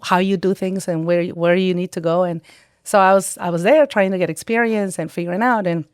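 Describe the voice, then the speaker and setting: Woman, lowish, dry close mic. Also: steady tone, brisk, darkish tone, clear, resonant tone, no room sound. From El Salvador. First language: Spanish. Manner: storytelling, frequent restarts and acted-out quotes. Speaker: guest, psychiatric nurse practitioner. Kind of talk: casual interview chat.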